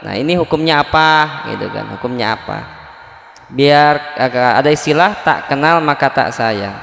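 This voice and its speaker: A man's voice: mid-range voice, moderate pace, vocal fry, a bit bright. A man teaching Quran recitation to a neighborhood study group, explaining patiently and asking the class questions. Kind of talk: religious lesson. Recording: echoey hall with faint music.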